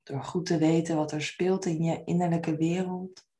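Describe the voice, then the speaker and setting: A woman leading a guided meditation in a soft, soothing manner, with gentle, unhurried phrasing. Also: low voice, steady tone.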